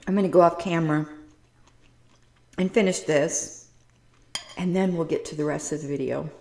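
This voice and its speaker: A woman's voice: deep voice, moderate pace, vocal fry, darkish tone, roomy sound. A woman vlogger chatting casually to her viewers while eating in her home kitchen, savoring each bite. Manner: chatty, savoring food, talks between bites. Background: clinking dishes and cutlery.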